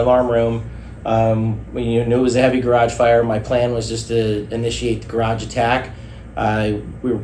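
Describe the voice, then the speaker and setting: A man's voice: mid-range voice, darkish tone. A male firefighter recounting an incident response in a hesitant, procedural way. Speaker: firefighter, engine company officer. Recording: echoey room with faint noise.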